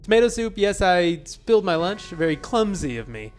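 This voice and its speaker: A man's voice: sits high, very animated, moderate pace, smooth. A man voicing a creepy, overly polite male innkeeper who claims a lisp and stresses words oddly. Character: creepy grinning male innkeeper, suspiciously cheerful.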